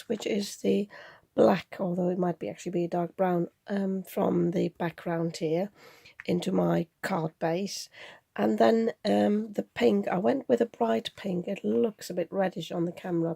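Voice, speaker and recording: A woman with a croaky, cold-roughened voice that sounds very gravelly and husky. She chats through a crafting tutorial, thinking aloud as she goes. Her tone is dark and mellow, recorded close and dry. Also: medium pitch, dry recording. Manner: chatty, thinks aloud while working. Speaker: card-making channel host.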